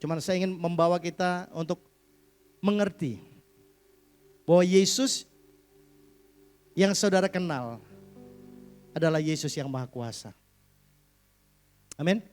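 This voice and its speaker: A man preaching a sermon as pastor at a church service, animated and swinging between loud and hushed, mixing in English words. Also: fairly high pitch, unhurried, pauses often, clean tone, soft background music. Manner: mixes English words into his speech.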